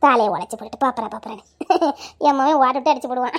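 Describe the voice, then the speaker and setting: A woman's voice: high voice, brisk, voice pushed down. A woman playing a blunt, gossipy older village mother of the groom. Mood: scolding. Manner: scolding, gossipy, preachy.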